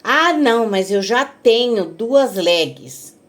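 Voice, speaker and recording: Uma mulher mais velha com sotaque brasileiro imitando a neta pré-adolescente, manhosa e exigente, com voz mais aguda. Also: female voice, fairly high pitch, expressive, takes it slowly. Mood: whiny. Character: whiny preteen granddaughter, fussy and picky.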